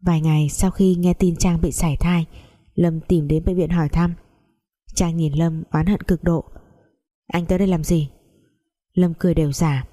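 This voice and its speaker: Woman reading a family drama story, deep dark voice, keeps it pretty level. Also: normal speed. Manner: reads all characters in a mostly even voice. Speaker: narrator. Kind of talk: storytelling audiobook narration.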